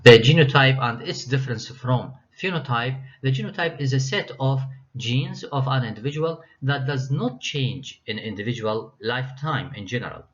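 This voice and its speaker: Man giving a halting genetics lecture. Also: mid-range voice, animated. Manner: reads slides, frequent uh fillers and restarts. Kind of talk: recorded university lecture. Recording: dull lo-fi lecture recording.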